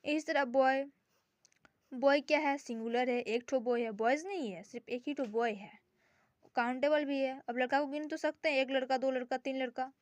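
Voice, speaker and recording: Young woman, high pitch, casual home tutor, rhetorical questions, slow repeated words. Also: fairly even intonation, dry recording. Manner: asks and answers her own questions, repeats words slowly. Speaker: teacher. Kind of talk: casual grammar lesson. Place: home with sisters noisy in background.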